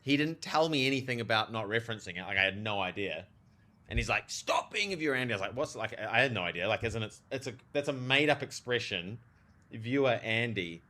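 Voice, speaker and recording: A man livestreaming a game and chatting casually with viewers, speaking with a strong lisp from wearing a retainer in an animated, slangy way. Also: lowish voice, brisk. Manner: animated, slangy, talks to chat. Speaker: live streamer, theologian. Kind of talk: casual livestream chat over gameplay.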